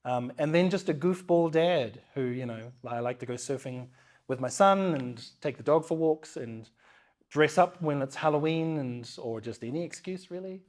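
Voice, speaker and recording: A man's voice: on the high side, lively intonation, normal speed, darkish tone. A man talks as an interview guest, easygoing and playful. He rambles a little and fills his answers with ums and uhs. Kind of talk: casual interview chat.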